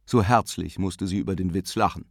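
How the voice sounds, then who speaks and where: A man narrating a literary story with an expressive, varied delivery, recorded close on a studio mic. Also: sits low, fairly quick, vocal fry, slightly rough, no room sound. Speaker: audiobook narrator. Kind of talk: scripted narration.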